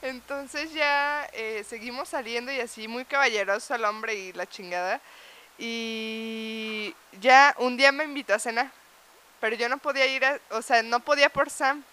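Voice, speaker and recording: A woman's voice: fairly high pitch, normal speed, bright, forceful tone, clear, resonant tone. A young woman with a Mexican accent, telling a story in casual chat. She swears freely and animates the tale with laughter.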